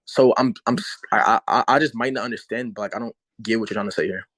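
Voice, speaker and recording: A man's voice: on the low side, quick pace, fairly bright tone, no echo, low-quality recording. A man arguing in a heated casual debate, repeating himself and swearing as he pushes his point.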